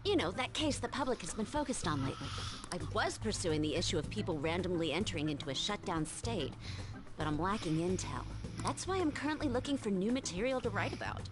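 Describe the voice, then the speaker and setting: Woman voicing a flirty tipsy journalist, video game, very lively intonation, shrewd, casual, coaxing. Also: mid-range voice, a little fast, natural voice. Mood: coaxing, businesslike. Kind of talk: video game dialogue acting. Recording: background music under dialogue.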